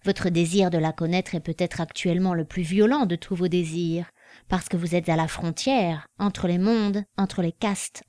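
A woman voicing a calm, perceptive old man in a storybook reading, speaking in a measured, gentle way. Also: mid-range voice, no echo, clean studio sound, natural voice.

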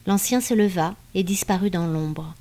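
Brief: female audiobook narrator, lower pitch, measured storytelling. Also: mellow.

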